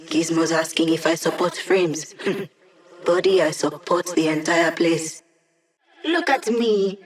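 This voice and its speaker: An actress playing a brisk, confident young female hacker, giving casual, wry, technical mission support in a video game. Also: fairly low pitch. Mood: playful, cocky. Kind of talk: scripted video game voice acting.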